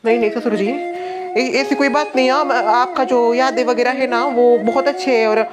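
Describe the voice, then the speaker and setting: A woman acting a daughter-in-law in a family comedy skit, talking playfully and quickly with a teasing edge. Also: on the high side, steady tone, loud music behind the voice. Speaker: comedy sketch performer.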